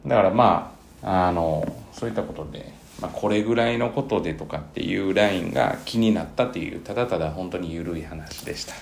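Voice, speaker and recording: Low gravelly man musing loosely. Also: fairly quick, hardly any pauses. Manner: rambling, many fillers and self-corrections. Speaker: cram school teacher, podcast host. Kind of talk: relaxed solo podcast monologue.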